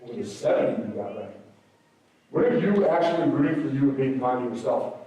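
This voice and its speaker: A slightly hoarse man giving an energetic motivational speech to a school assembly, swinging between loud peaks and soft asides. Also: medium pitch, fairly quick, far from the mic, highs cut off. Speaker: motivational speaker. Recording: very echoey hall, recorded from afar.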